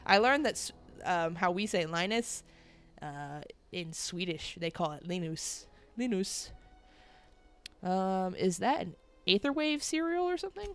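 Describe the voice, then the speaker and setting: A young woman streams a video game and chats with viewers in a rambling, laughter-filled way, sounding nasal from a cold. Her fairly low voice is animated and clean-toned, at a measured pace.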